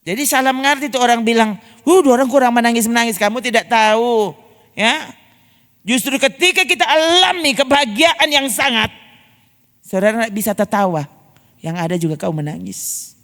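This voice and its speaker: A male pastor with a Manado Malay accent, telling stories to his congregation with animated energy and calling out to them as he preaches. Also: extremely high pitch, moderate pace. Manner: animated storytelling, calls out to the congregation. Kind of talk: sermon. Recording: echoey church hall.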